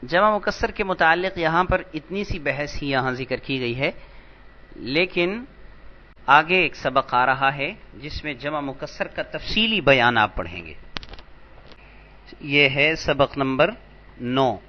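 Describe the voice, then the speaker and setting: A man teaching an Arabic grammar lesson, patient and slow, repeating each word for emphasis. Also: on the high side, expressive, muffled recording. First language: Urdu. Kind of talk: lecture explaining vocabulary.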